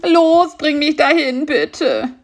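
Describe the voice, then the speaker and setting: A high, wailing voice for a big male spider who moans and complains, put on by a woman reading a storybook aloud, with a gravelly edge. He whimpers and jammers in a pitched-up tone. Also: very animated, takes it slowly, heavily acted. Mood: eager. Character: whiny male cross spider with toothache.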